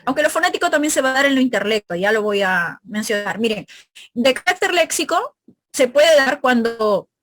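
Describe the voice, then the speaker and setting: In a recorded pre-university review class, a woman with a northern-coast Peruvian Spanish accent walks through material step by step, often checking that her students follow. She sounds animated, with a high, fairly bright voice at normal speed, in a dry recording.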